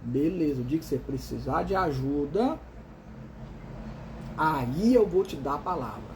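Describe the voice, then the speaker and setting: A man's voice: fairly high pitch, animated, unhurried, noisy background. A man with a Brazilian accent hosting a motivational talk, stressing points by repeating words and asking himself questions he then answers. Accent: Brazilian Portuguese. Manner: emphatic, repeats words in runs, calls the listener "dear". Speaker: host of a motivational series.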